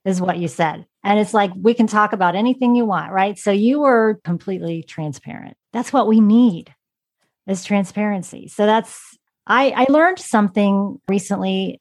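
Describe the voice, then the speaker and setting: A woman hosts a podcast interview, asking questions with curiosity and thinking aloud as she goes. She has an everyday, middle-pitched voice for a woman. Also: a little mellow. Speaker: podcast host. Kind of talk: conversational interview.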